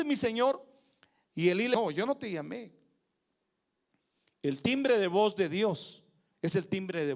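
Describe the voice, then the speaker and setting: A high-pitched man preaching in a Mexican accent. He delivers a sermon emphatically, swinging from loud, driving peaks down to low asides. He keeps checking in with the congregation for agreement.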